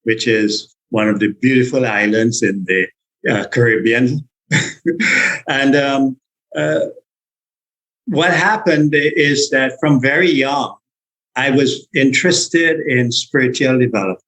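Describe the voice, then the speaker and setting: A man tells his story in a relaxed interview. He speaks with many hesitations and restarts and breaks into little laughs. His voice sits at a middle pitch for a man. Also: takes it slowly, rough recording. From Trinidad and Tobago. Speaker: guest, meditation teacher and health consultant. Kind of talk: conversational interview answers.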